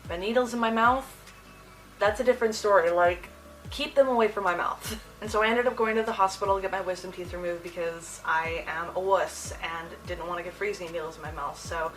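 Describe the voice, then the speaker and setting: A young adult woman hosting a casual storytime vlog, talking in an animated, slangy way. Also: on the low side, fairly quick, recorded from a distance, faint music behind, low-quality recording. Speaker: video host. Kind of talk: casual personal storytime to camera.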